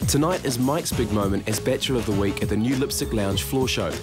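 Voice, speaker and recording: A man's voice: mid-range voice, quick pace. A man reading scripted documentary narration. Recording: loud music bed under narration.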